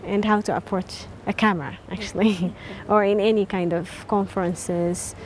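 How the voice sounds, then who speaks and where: A woman from Eritrea, a scientist, explaining what she learned in a workshop, thoughtfully and with pauses. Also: medium pitch, steady tone, a little hiss or hum. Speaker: scientist in training. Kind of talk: interview testimonial.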